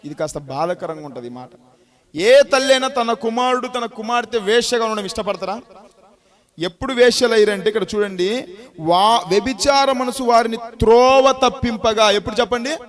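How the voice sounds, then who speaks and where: A man with a Telugu accent preaching a sermon to youth, firing rhetorical questions and swinging from loud urging to hushed warnings. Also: extremely high pitch, moderate pace.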